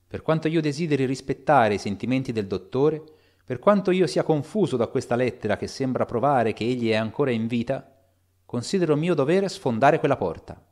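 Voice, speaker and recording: A cautious, dutiful middle-aged lawyer, read by a man in an audiobook. He reasons aloud in a measured, deliberate way. His voice sits at an ordinary middle male pitch. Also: animated, a little mellow, lightly acted. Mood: resolute.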